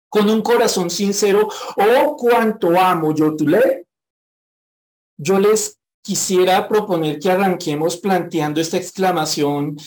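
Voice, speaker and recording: A man's voice: high voice, a little mellow. Frank, conversational male preacher. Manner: reads scripture aloud, then explains it in a frank conversational way; repeats the verse slowly with rising emphasis. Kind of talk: sermon.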